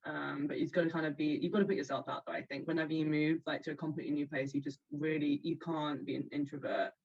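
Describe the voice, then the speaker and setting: A woman's voice: deep voice, little pitch movement, fast talker, breathy edge. Young woman guest, giggly and chatty, slightly dull lo-fi recording. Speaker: podcast guest. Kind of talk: casual chat.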